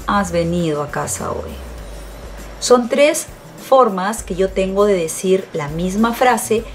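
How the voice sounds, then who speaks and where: A woman hosting a voice and communication lesson, speaking in a clear, didactic way after warm greetings. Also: mid-range voice. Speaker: voice coach host. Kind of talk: scripted educational presentation.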